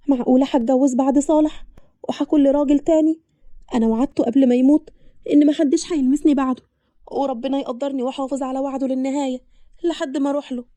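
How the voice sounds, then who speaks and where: A grieving young widowed bride, as a woman narrator puts her on, speaking earnestly in a mellow voice with an Upper Egyptian accent. She talks fast, and the recording is dry. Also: high-pitched, dry recording, natural voice. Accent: Upper Egyptian Arabic.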